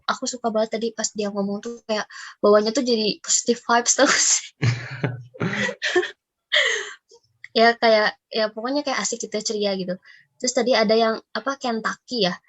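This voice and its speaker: A woman with an Indonesian accent hosting a casual podcast, talking in a chatty, rambling way with lots of fillers. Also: fairly high pitch. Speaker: podcast host. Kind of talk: casual reaction chat.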